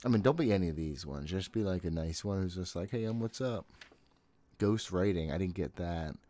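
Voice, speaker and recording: A man in his thirties with a low-pitched, mellow voice speaks briskly while streaming a horror game from a small room at home. His commentary is casual, jittery and exasperated, self-directed and full of swearing. He wears a headset and uses a desk microphone, and the recording is dry.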